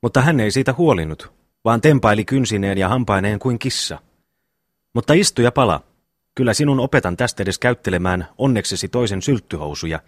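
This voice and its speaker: A man reads a hot-tempered young brother who blusters and boasts in a deep, lively voice that swings up and down. It is an audiobook voice, recorded dry and close. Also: no echo. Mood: blustering.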